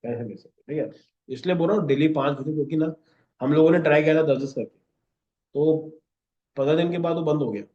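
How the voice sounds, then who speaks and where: A man's voice: fairly high pitch, fast, pauses often, lo-fi sound. A man teaching a class in a lesson, checking in with "okay?" after nearly every point. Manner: instructive, repeats 'okay?' constantly. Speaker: instructor.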